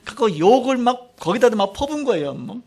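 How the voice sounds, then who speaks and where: A middle-aged man preaching a sermon, telling a personal testimony in an animated storytelling way. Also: very high voice, fairly quick. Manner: animated storytelling, acts out quotes, frequent trailing "like this". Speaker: pastor.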